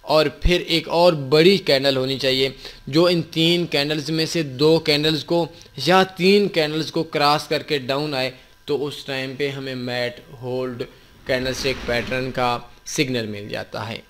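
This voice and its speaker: A man's voice: medium pitch, fairly even intonation, a bit bright. A man teaching a forex tutorial, explaining a chart step by step with patient repetition and mixed in. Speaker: forex trading instructor. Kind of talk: screen-recorded tutorial explanation.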